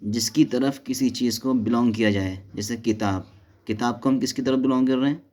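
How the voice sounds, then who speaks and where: A man's voice: mid-range voice, steady tone, darkish tone. A man teaching an Arabic grammar lesson, explaining step by step, asking and answering his own questions, mixing in English terms. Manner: mixes Hindi-Urdu with English and Arabic terms; reads English textbook notes slowly.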